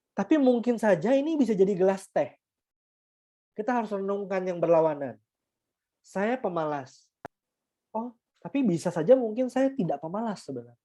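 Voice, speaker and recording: Mellow-voiced man teaching meditation. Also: a little high. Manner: calm, explanatory, frequent tag questions, mixes in English terms. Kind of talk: guiding an online meditation talk.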